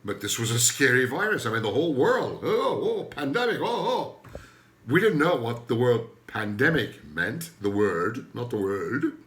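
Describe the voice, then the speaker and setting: A man's voice: mid-range voice, sing-song, normal speed, few pauses, fairly bright tone. Older Turkish-accented man joking in an echoey room. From Turkey. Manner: rambling, joking, loses his thread. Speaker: comedian host. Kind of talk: comedic monologue.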